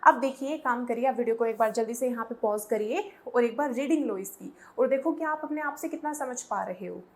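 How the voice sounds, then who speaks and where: High-voiced woman teaching English idioms. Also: brisk. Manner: patient, spells words out letter by letter; switches between Hindi and English. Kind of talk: Hindi-English language lesson.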